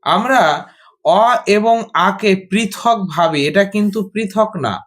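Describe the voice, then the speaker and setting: A man. He talks slowly and patiently, repeats each point and puts questions to his students before answering them himself. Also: high-pitched, a bit bright. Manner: slow, explanatory, repeats and quizzes students. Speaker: teacher. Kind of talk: Sanskrit grammar lesson.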